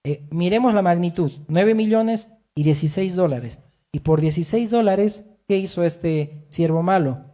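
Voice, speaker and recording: High-voiced man preaching a sermon. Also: normal speed, warm tone. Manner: emphatic preaching, rising and falling, frequent amens. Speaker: pastor.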